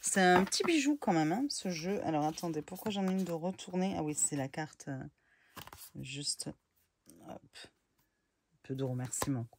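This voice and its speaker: A woman's voice: sits low, animated, measured pace, long pauses, a little hiss or hum. A woman casually reviewing tarot and oracle decks, chatty and hesitant with many fillers. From France.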